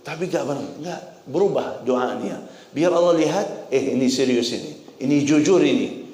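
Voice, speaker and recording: Guy preaching at dawn prayer in a big mosque, lots of echo, repeats his questions, goes from loud high pleading to quiet and low. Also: normal speed. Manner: repetitive rhetorical questions. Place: mosque hall. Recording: echoey hall with long reverb.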